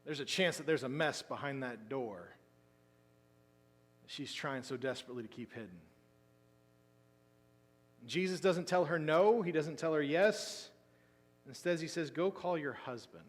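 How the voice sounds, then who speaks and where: Animated male preacher in a reverberant hall. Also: on the high side, a little slow, pauses often. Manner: animated storytelling, swinging between loud emphasis and quiet asides. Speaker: pastor. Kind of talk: sermon. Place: church sanctuary.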